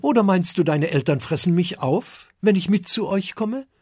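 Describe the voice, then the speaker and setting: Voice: medium pitch, expressive, moderate pace, a little mellow, husky, no room sound, clean studio sound, voice pushed up. A reader voicing a friendly, helpful young fire dragon in a children's story, speaking eagerly and encouragingly.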